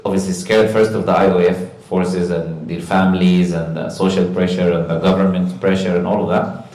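Man, lowish voice, earnest animated storytelling, echoey room. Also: fairly quick. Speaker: guest recounting a live stream encounter. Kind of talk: conversational religious talk. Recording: roomy echo.

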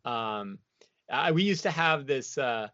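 A man from the United States speaks slowly in a mid-range voice that is pushed and bright, with lively intonation and no room sound. As an interview guest he reflects casually, meandering through his points with "you know" and "like." The recording is dull, dry and lo-fi.

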